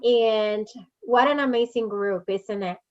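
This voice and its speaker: On a muffled recording, a woman with a slightly high, darkish voice speaks at a measured pace. She is a podcast host from Puerto Rico, a Spanish speaker by birth with a Puerto Rican Spanish accent, chatting through an interview and laughing easily.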